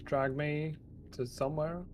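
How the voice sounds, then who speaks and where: A man's voice: on the high side, fairly even intonation, measured pace, slight background noise. A man chatting casually with friends while he plays a video game. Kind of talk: casual gameplay chat with friends.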